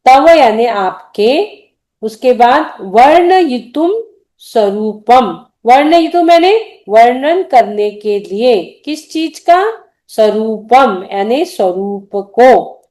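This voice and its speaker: A middle-aged woman teaching a devotional hymn, explaining pronunciation syllable by syllable and chanting the verses slowly. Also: on the high side, animated, dark tone. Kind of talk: recitation lesson with chanted verses.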